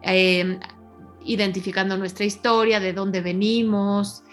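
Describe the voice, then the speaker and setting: Woman, parenting guest, measured explanations, tag questions, mid-pitched, soft music behind. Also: flat delivery. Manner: measured, explains with frequent "¿no?" and "etcétera". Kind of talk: explanatory conversation.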